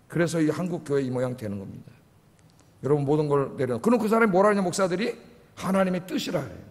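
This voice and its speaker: A middle-aged male pastor preaches with a sore throat, pressing the congregation with rhetorical questions. His voice sits high and swings widely in pitch. It rings with a long reverb through the sanctuary. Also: expressive, quick pace. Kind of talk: sermon. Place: church sanctuary. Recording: long church-hall reverb.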